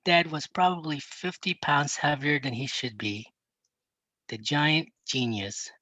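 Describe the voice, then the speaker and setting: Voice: medium pitch, a little slow, slight background noise, low-quality recording. Reader telling a wry first-person story. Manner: plain, even narration with a teen's wry asides. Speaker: audiobook reader.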